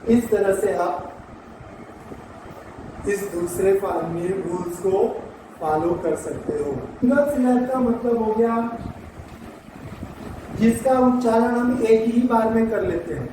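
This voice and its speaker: A man teaching an English grammar lesson, slowly spelling words out letter by letter. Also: high-pitched, distant mic. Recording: echoey room, faint traffic noise.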